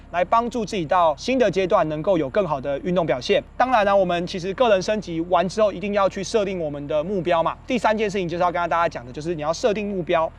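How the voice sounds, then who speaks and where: A man's voice: sits high, slight background noise. A man with a Taiwanese Mandarin accent hosting a running podcast, explaining training in an organized, step-by-step way. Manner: organized, instructional, step-by-step delivery. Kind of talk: explanatory talk to followers about training.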